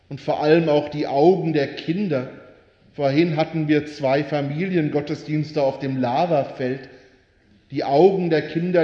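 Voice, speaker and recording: A male pastor preaches on Christmas Eve, slow and measured, his voice sitting a little high for a man. The sound is roomy, with a long reverb trailing behind his words, like a large church. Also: dark tone, highs cut off. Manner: slow, measured storytelling with voiced animal quotes.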